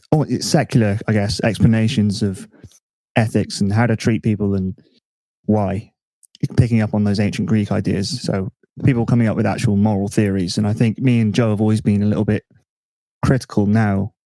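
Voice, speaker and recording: A man hosting a casual podcast chat, relaxed and self-mocking, thinking aloud with restarts. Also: fairly low pitch, no room sound. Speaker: podcast host.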